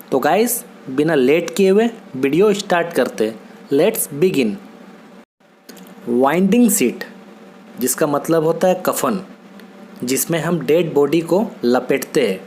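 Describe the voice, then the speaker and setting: A man teaches vocabulary at an unhurried, patient pace. He repeats each word and keeps asking whether it is understood. A faint hiss runs under his voice. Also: on the high side, darkish tone. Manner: patient, repetitive, checks in with "theek hai?". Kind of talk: Hindi-language vocabulary lesson.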